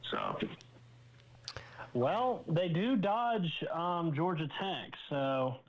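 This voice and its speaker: A man's voice: fairly high pitch, huge pitch swings, drawn-out words. A man on a headset, his voice hollow and distant as if in a cave, giving short, easygoing replies from his kitchen while cooking. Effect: hollow, distant sound, as if talking in a cave. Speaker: regular guest on a live sports show. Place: at home, cooking dinner. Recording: muffled, like a drive-through speaker.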